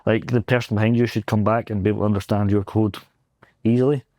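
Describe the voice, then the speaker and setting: Speaking fast in a fairly low, steady, slightly mellow voice, this young Scottish guest with a Glaswegian accent talks casually about himself in a self-deprecating, rambling way, laughing a lot. He's a pentest engineer interviewed on a convention floor, and there's no room sound.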